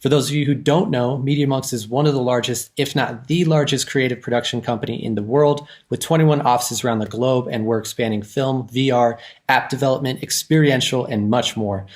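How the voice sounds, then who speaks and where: A man's voice: mid-range voice, brisk, hardly any pauses. A man hosting a podcast, reading an upbeat introduction and asking interview questions. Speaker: podcast host.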